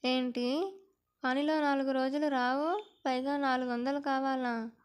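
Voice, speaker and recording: A shrill bossy housewife, as a woman narrator puts her on. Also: steady tone, measured pace, clean tone. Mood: scolding. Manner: harsh, loud, scolding. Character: sharp-tongued bossy woman, scolding her maid.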